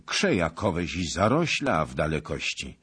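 A terse little knight, firm and unshaken, played by a man reading an audiobook. He talks in short clipped orders through a deep, husky voice. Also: big pitch swings, unhurried, fairly bright tone, full character voice. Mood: urgent commands. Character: small, steady male knight, terse and calm.

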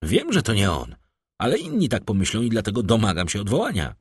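Proud young count, stiff and demanding, husky edge, man reading him a bit higher. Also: huge pitch swings, fairly quick, no echo, clean studio sound, exaggerated voice. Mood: indignant. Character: young indignant male count, proud and insistent. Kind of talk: audiobook character voice.

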